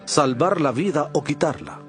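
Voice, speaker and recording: A man voicing Jesus as a calm, authoritative teacher in a dramatized audio Bible, with a measured, solemn delivery. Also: fairly high pitch, soft background music, lightly acted.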